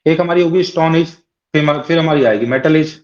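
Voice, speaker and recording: A man's voice: on the high side, brisk, darkish tone, highs cut off. A man teaching a class lecture, explaining step by step and often checking in with his listeners.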